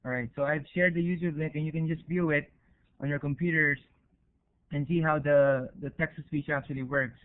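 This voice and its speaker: With a Filipino accent and a slightly high, steady voice, a man from the Philippines explains his research informally. He's hesitant, stopping to make sure listeners are keeping up, and the audio is thin and narrow like an internet call.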